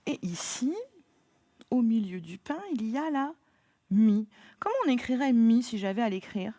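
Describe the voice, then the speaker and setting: A woman's voice: fairly high pitch, lively intonation, normal speed, mellow, no echo. A woman teacher giving a remote lesson to young pupils, patient and encouraging, spelling words out letter by letter. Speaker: primary school teacher.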